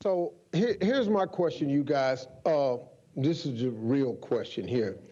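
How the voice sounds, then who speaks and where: A man's voice: medium pitch, lively intonation, unhurried, warm tone. A man hosting and asking questions informally, rephrasing them as he goes. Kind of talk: casual, unscripted questioning. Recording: dull lo-fi sound.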